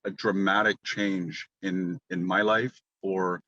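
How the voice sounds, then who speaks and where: Man, very deep voice, earnest, frequent ums, dull lo-fi audio. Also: flat delivery, slow pace, bright, forceful tone, dry recording. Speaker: NFT community guest. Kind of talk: casual group voice chat. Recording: dull lo-fi line.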